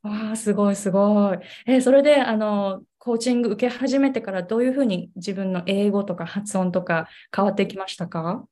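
A woman's voice: medium pitch, brisk, few pauses, mellow. A woman host asking curious, encouraging questions in a casual interview.

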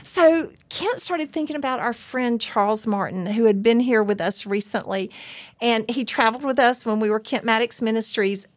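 A woman, co-hosting a podcast and telling a story in a chatty, animated way. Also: fairly high pitch, normal speed. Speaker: podcast co-host. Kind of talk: casual podcast chat. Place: studio room with soundboards.

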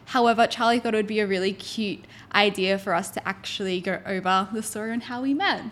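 A woman's voice: medium pitch, fast talker, fairly bright tone, slight background noise. A woman hosting a relationship podcast, chatting in an upbeat, casual way. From Australia. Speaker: podcast host. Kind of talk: casual chat.

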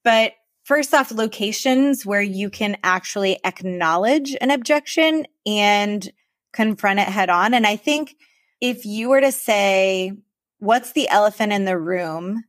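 Woman, podcast co-host, casual chat, rambling and animated, medium pitch, dry recording. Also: unhurried, no echo. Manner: chatty, rambling, animated explaining. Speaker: podcast co-host, travel advisor.

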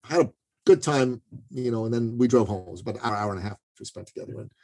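A man's voice: mid-range voice, quick pace, a little mellow. A man telling a story as a podcast guest, talking casually and often checking in with "you know" and "right". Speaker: business coach.

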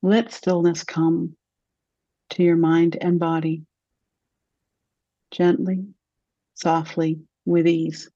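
Speaking slowly and gently, a woman leads a meditation, leaving long pauses between phrases. Her mellow voice holds a flat, even pitch. The recording is dry, slightly dull and free of echo.

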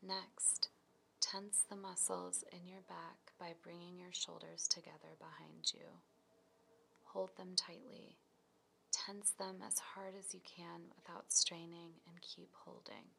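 In a near-whisper that is breathy and on the low side, a woman leads a scripted guided relaxation, offering slow, calm, soothing directions. Slight background noise is present.

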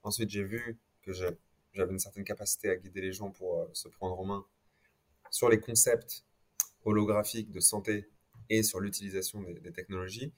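Lower-voiced man in a reflective conversation. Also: fairly even intonation, normal speed. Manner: sprinkles English words into French. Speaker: interview guest. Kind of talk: reflective conversational interview about personal experience.

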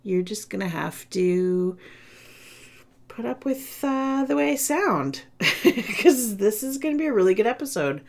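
A woman podcast host with a ratchety, smoker's rasp in her voice, talking in an informal, playful, chatty way. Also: a little high, big pitch swings, measured pace. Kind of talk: upbeat casual solo podcast talk.

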